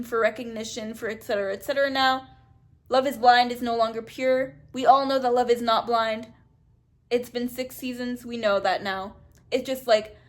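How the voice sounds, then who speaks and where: A young woman talking casually for her video review, animated and blunt, swearing freely as she gossips. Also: on the high side. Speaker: YouTuber reviewing a reality show. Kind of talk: casual chat.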